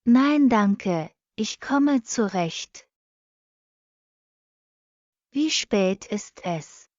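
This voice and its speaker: A woman reading short practice sentences for a language lesson, saying each one twice, slowly and evenly. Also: mid-range voice, expressive, a little mellow, no room sound. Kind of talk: slow repeated phrase reading for learners. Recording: dull lo-fi dry recording.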